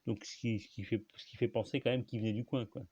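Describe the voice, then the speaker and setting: A man's voice: medium pitch, fairly even intonation, fast talker, a little mellow, slightly rough, dry recording, highs cut off. A man hosting his own channel, talking alone in a rambling, casual way, full of fillers and restarts. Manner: rambling, many fillers and restarts, frequent coughs. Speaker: channel host. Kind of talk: casual solo monologue.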